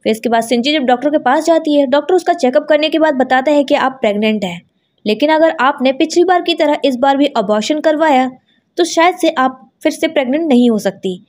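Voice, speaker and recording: A woman narrating a drama recap in a brisk storytelling manner, quoting each character as she goes. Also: high voice, darkish tone. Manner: brisk retelling, quoting every character in her own voice.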